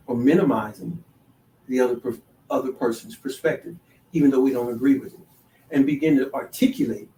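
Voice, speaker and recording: A man hosting a solo talk show, halting with many restarts, then building to emphatic, sermon-like declarations. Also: medium pitch, warm tone. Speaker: podcast host. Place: DC, Maryland, Virginia area. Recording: echoey room, voice far from the mic.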